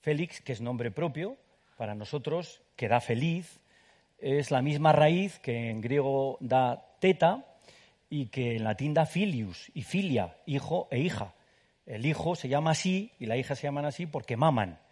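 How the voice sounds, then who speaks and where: A man's voice: medium pitch, animated, a little slow, a little mellow. A man from Spain with a Spanish accent, a guest author speaking enthusiastically at a public book talk. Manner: enthusiastic, explanatory.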